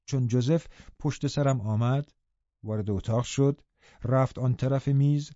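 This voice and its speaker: A man narrating an audiobook in a steady storytelling manner. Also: medium pitch, dry recording. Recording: dull, dry studio recording.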